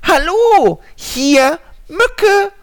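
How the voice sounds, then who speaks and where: A man voicing a tiny, cheeky, stubborn female mosquito in a storybook with a high squeaky voice. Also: big pitch swings, drawn-out words, exaggerated voice. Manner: high squeaky repeated phrase.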